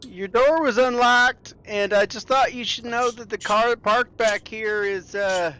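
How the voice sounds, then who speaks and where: A man's voice: sits high, steady tone, a little slow, sharp tone, clean tone, voice pushed up. A man putting on a woman's bad fake American accent. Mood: fake polite. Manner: awkward, overly polite impersonation.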